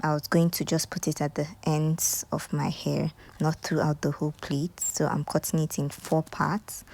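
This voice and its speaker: A Nigerian woman talking viewers through a hair tutorial in a casual voice-over, often dropping into soft, half-whispered asides. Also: low-pitched, creaky.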